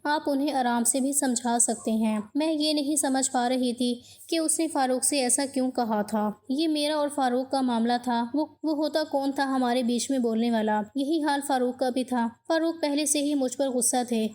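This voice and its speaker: A woman narrating a dramatic first-person story in an emotional, expressive way. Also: high voice, hardly any pauses.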